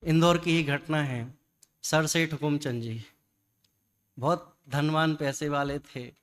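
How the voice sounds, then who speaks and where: A man giving a religious discourse, lively and full of rhetorical questions and repetition. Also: a little high, slow. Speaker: Jain scholar giving a discourse.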